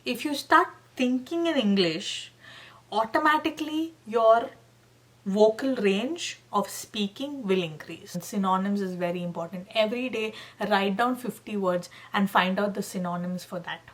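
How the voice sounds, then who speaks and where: A woman's voice: medium pitch, moderate pace. A young woman hosting a casual tutorial, talking animatedly and emphatically to her viewers, often calling them guys and checking in with okay. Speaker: channel host giving exam tips. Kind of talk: casual tutorial talk to camera.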